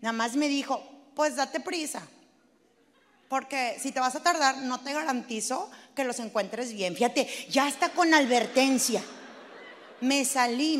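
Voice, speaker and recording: A woman's voice: sits high, long reverb tail. A middle-aged woman with a Mexican accent doing brash, crude stand-up storytelling, acting out her mother and her kids. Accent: Mexican Spanish. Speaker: stand-up comedian in character.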